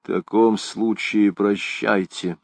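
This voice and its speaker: A man voicing a stern, brooding older archdeacon in an audiobook, low, clipped and grim. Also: flat delivery, slow, gravelly, no room sound, full character voice. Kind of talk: audiobook character reading.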